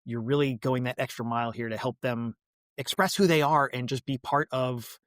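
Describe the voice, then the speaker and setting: A man hosting a podcast and interviewing a guest, responding warmly and with emotion. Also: medium pitch, normal speed, dry recording, studio quality. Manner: warm, emotional, enthusiastic responses. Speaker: podcast host, middle school teacher. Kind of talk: casual interview.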